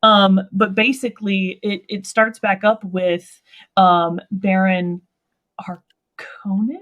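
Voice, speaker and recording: A woman's voice: mid-range voice, level tone, takes it slowly, highs cut off. A woman hosting a casual book discussion, chatty and hesitant, with many fillers as she recalls chapters. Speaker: host.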